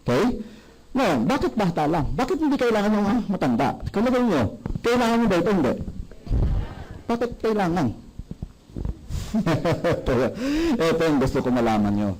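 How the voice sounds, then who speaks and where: A man giving a sales seminar, animated and often asking the audience questions. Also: sits high, moderate pace, long pauses, a little hiss or hum, low-quality recording. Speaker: product presenter.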